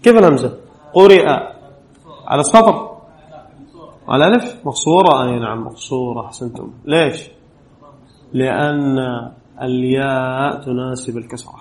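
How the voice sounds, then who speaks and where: A man's voice: medium pitch, moderate pace, pauses often. A man teaching a classroom lesson on Arabic spelling rules, reading a rule aloud and quizzing his students with frequent short questions. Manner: reads a rule text aloud, then explains. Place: classroom at an Islamic studies center.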